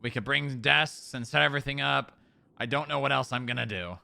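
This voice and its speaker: Gravelly man leaving a halting voicemail. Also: medium pitch, bright, forceful tone, no room sound. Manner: hesitant, pleading, full of fillers. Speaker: roleplay streamer. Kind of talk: in-character roleplay.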